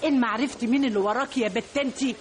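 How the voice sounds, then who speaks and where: An actress playing a brash, threatening Egyptian butcher-shop owner in a radio drama, talking in a coarse, bullying way. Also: female voice, fairly high pitch, very fast, crowd noise, close to an everyday voice. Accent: Egyptian Arabic. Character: brash menacing woman butcher, rich and threatening. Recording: noisy old radio broadcast.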